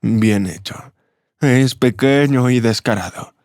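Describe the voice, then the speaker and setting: A man voicing an old hooded vagrant, a former doctor, speaking low, steady and instructive in a storybook reading. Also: takes it slowly, dry recording, studio quality. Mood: calm, firm.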